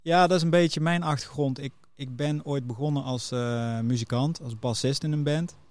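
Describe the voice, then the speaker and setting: A man's voice: mid-range voice, normal speed, darkish tone, no echo. A middle-aged man chatting casually as a podcast guest, telling anecdotes about his working life. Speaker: podcast guest, music booker.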